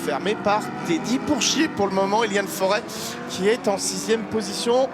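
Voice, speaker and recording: A man's voice: high-pitched, moderate pace, over loud music. A man giving live motorsport race commentary, calling the action as a commentator does. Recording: loud engine and trackside noise.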